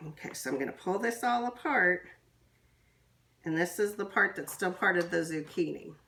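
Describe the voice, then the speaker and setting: A woman teacher walks young children through a kitchen demonstration, patient and unhurried. Her voice has a gravelly edge and sits at a middle pitch. The room is echoey, with faint background noise. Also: expressive, bright, forceful tone. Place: kitchen with running water.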